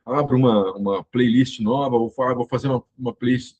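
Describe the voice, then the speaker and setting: Reminiscing on his channel, the fiftyish host from the São Paulo interior speaks at medium pitch, a bit fast, a little mellow and husky. His casual talk rambles with many fillers and restarts, and the audio is dull.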